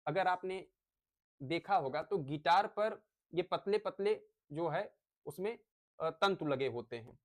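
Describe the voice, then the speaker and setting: A man's voice: high voice, lively intonation, takes it slowly. Man explaining phonics step by step. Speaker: teacher. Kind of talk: classroom lecture on phonics.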